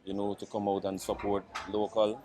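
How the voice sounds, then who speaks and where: A man from Saint Kitts with a Kittitian accent, giving casual, halting interview answers as a market vendor. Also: on the low side, completely flat delivery. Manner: halting, pausing often. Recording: busy crowd chatter behind. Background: crowd at a public market.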